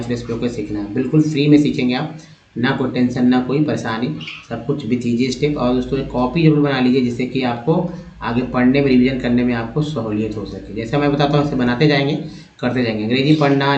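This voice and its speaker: A man's voice: mid-range voice, brisk, a little mellow, slight background noise. A man teaching English word parts to viewers step by step, addressing them as friends. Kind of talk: spoken phonics lesson. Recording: echoey room, dull lo-fi sound.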